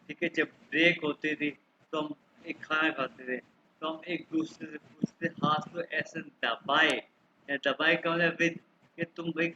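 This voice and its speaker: A man gives an online German lesson, his voice a little high and his pace slow. He repeats each word patiently so the students can copy it. The call sounds dull and muffled, with a steady noise underneath. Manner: slow, repeats words for drilling. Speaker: German teacher. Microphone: video call.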